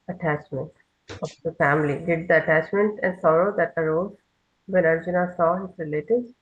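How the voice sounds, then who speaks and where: A woman teaching a children's lesson over a video call, slowly leading call-and-response recitation. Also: fairly low pitch, slightly rough, narrow, tinny audio. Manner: slow, patient call-and-response chanting.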